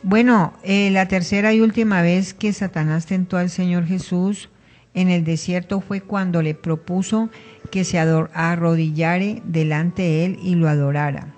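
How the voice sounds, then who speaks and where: A woman reads a Bible lesson on the radio, very slowly and deliberately. Her voice sits fairly low, and faint music plays underneath. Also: fairly even intonation, darkish tone. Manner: slow and measured, deliberate. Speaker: radio program co-host. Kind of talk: reading a Bible teaching on radio. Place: radio studio.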